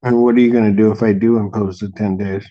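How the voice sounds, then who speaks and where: Low blunt judge in a muffled courtroom recording. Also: male voice, steady tone, quick pace. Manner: blunt, clipped questioning. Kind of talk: courtroom proceedings.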